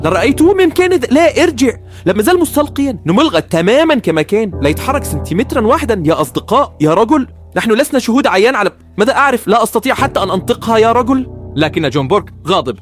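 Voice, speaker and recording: Excitable male host, lively pitch, dramatic commentary over faint music. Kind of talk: excited drone-video commentary.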